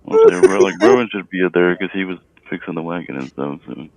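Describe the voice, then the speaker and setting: A man's voice: low-pitched, animated, a little fast, a little mellow, no echo, poor audio. A man chatting casually as a player in a tabletop game. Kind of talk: casual chat.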